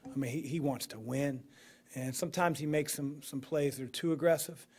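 A man in his forties stands at a podium in a press room and fields postgame questions as a basketball coach. He talks things through with lots of fillers and restarts, steady and measured. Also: on the high side. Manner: measured, thinking aloud with many fillers and restarts. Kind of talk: postgame press conference answers. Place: press room in front of a sponsor backdrop. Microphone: podium microphone.

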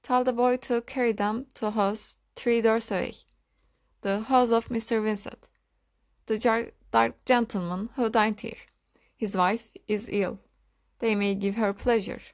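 A woman's voice: on the high side, fairly even intonation, unhurried. A woman voicing a proud young countess in an audiobook, reading her lines sharply and imperiously.

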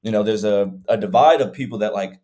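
A man's voice: on the low side, brisk, warm tone. A young man, a fitness coach co-hosting a podcast over a video call, talking in a reflective, rambling way with many fillers. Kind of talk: casual podcast conversation. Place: room at home.

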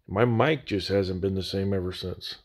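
Low-voiced man, echoey from a damaged mic. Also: normal speed. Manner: relaxed, plain-spoken, self-deprecating. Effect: echoey sound from a damaged phone mic. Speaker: scale model builder. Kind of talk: step-by-step hobby tutorial narration.

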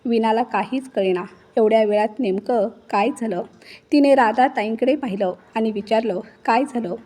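A woman narrating a written story with a steady, expressive reading. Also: a little high, moderate pace.

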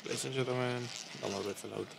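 A man's voice: mid-range voice, steady tone, quick pace, creaky, noisy background. A young man working as a casino croupier, making formal, courteous, formulaic roulette announcements at the table. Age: young adult. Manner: formal, courteous dealer patter. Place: indoor live casino studio at roulette table.

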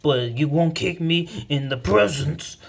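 A man playing a bumbling, pushy but cowardly robber, gruff and tripping over his words, with music behind. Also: a little high, a little slow, full character voice. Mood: blustering.

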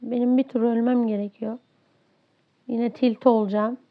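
A high-pitched woman talks over her gameplay in a frustrated, ranting way, complaining about a teammate. The audio is a bit dull and lo-fi. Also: little pitch movement, moderate pace. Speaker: gaming streamer. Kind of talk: live gameplay commentary.

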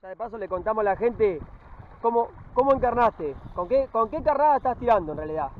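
A high-voiced Argentine man hosts a fishing show outdoors, upbeat and chatty. The sound is thin and phone-like. Loud wind buffets the mic on the riverbank. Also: lively intonation, brisk. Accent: Argentine Spanish. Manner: chatty, upbeat, addresses viewers. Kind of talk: casual outdoor commentary.

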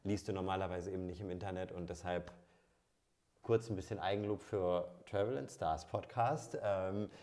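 A man's voice: low voice, steady tone, moderate pace, warm tone. A man in his thirties hosting a podcast, chatting casually with many fillers and restarts. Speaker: podcast host. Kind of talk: casual interview chat. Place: studio room with dark backdrop.

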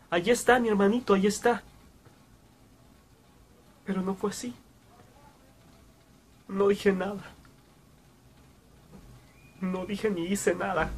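Casting: male actor playing guilt-ridden young man, high voice, sorrowful, anguished, halting delivery, dramatic monologue. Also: husky, heavily acted. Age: young adult. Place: small room, indoors.

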